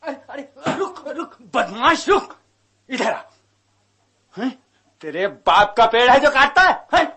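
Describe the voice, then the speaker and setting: A man playing a hot-tempered gatekeeper who shouts threats in a radio drama. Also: very high-pitched, sing-song, slow, long pauses, noisy background, exaggerated voice. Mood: angry.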